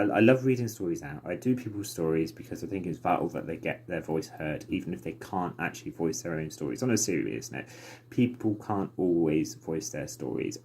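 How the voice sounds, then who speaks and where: A man with a low-pitched voice speaks informally to camera. He sounds earnest and slightly hesitant, as in a personal video message. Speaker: podcaster and awareness campaigner.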